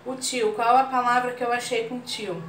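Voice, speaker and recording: Recorded on a roomy, distant microphone with faint room noise, a woman with a Brazilian Portuguese accent teaches a grammar lesson online. Her voice is on the high side, her delivery flat and moderately paced, and she explains patiently while often checking understanding.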